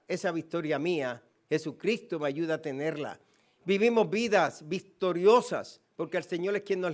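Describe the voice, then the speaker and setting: A man with a Puerto Rican Spanish accent, a pastor preaching a sermon, emphatic, with repeated phrases and quoted scripture. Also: high-pitched. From Puerto Rico.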